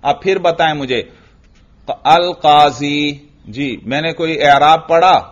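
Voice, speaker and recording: A man teaching an Arabic grammar lesson, asking his students questions, answering them himself, and drawing out the example words slowly. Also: a little high. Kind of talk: classroom lesson. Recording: dull lo-fi recording.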